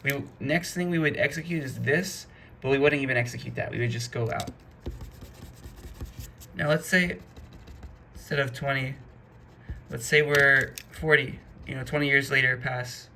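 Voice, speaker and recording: Gravelly, bright-voiced man teaching code. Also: fairly even intonation, moderate pace, long pauses, a little hiss or hum. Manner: chatty, talks through code step by step with fillers like "boom". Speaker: programming instructor. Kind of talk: casual screen-recorded coding lesson.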